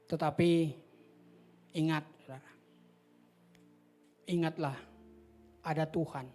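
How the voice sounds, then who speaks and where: A man preaching a sermon as a pastor in a church hall, impassioned, swinging between near-shouts and whispers. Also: a little high, fairly even intonation, takes it slowly, soft background music.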